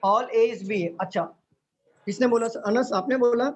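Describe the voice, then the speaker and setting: A man's voice: very high voice, measured pace. A man teaching a reasoning class in a live online lecture. He explains step by step, keeps quizzing his students, and mixes English terms into Hindi. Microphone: online lecture stream. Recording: dull lo-fi audio with faint noise.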